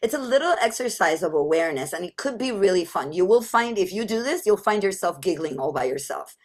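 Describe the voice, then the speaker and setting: A woman's voice: on the low side, animated, a little fast. A woman giving a playful motivational talk as a mindset coach, laughing often and slipping into childlike voices.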